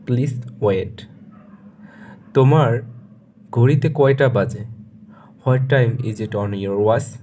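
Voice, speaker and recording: Slow, deliberate Bengali-accented male teacher. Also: medium pitch, warm tone, a little hiss or hum. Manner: says each English phrase twice, slow and deliberate. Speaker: English teacher. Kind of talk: spoken English lesson.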